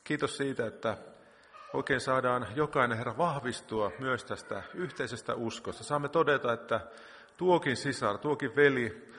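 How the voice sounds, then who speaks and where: A man's voice: medium pitch, a bit bright. Man praying in a reverberant church hall. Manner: prayer punctuated by constant repeated "Lord". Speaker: church meeting leader. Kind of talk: spontaneous prayer and announcements.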